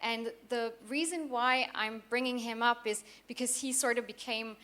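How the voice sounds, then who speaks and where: A young woman from southeast Austria giving a conference talk as a company founder, often pausing with fillers and restarting her sentences. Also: fairly high pitch, steady tone, a bit bright. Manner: hesitant, many fillers and restarts.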